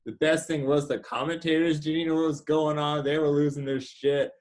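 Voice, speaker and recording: A man co-hosting a casual review podcast, talking excitedly and swearing freely. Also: a little high, normal speed. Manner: excited, profane. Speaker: podcast co-host. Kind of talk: casual wrestling review chat.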